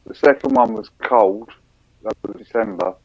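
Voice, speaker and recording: A man's voice: lowish voice, moderate pace, dry recording. A man in a casual chat, laid-back, answering in short, sweary interjections. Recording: dry, dull lo-fi sound.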